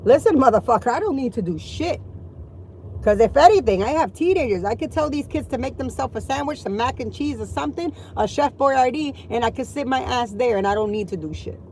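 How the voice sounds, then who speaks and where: Middle-aged mom vlogger, slightly high voice, blunt and foul-mouthed, exasperated rant; faint background hum. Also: female voice, animated, a little fast, dark tone, low-quality recording. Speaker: mother venting to viewers. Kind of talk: ranting vlog monologue.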